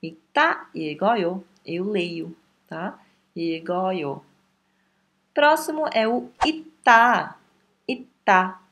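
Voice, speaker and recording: A woman's voice: medium pitch, a bit bright. A woman teaching an online language lesson, explaining patiently and checking in with her students often. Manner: patient, explanatory, repeats words slowly with frequent "tá?" and "né?" checks.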